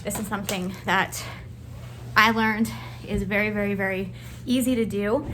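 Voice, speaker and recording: Her medium-pitched voice has fairly even intonation, normal speed, and a fairly bright tone, with slight background noise. She's a homesteader vlogger doing chores in the extreme cold, outdoors and in a farm chicken coop, chatting to the camera and laughing and sighing.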